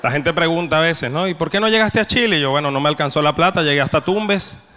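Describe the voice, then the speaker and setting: A young adult man with a Venezuelan Spanish accent performing a stand-up comedy set, telling deadpan stories and acting out the voices of the people he meets. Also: a little high, quick pace, background noise. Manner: deadpan storytelling, acts out quoted voices. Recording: long hall reverb.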